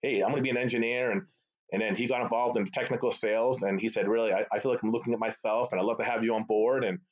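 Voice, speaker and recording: A middle-aged man from the Boston area speaks with a Boston accent; Arabic is his first language. He's a sales executive appearing as a guest in a casual storytelling interview, talking fast in a lowish voice, animated and chatty, often tacking on tag questions like "right?". The call audio is slightly dull and lo-fi.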